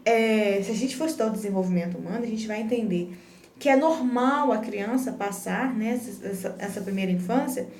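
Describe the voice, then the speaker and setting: A woman's voice: mid-range voice, brisk, a little mellow, recorded from a distance, a little hiss or hum. A woman giving an earnest, explanatory parenting talk in a casual live stream, often restarting her phrases. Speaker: parenting educator. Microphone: phone. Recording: roomy echo, phone held back from the speaker.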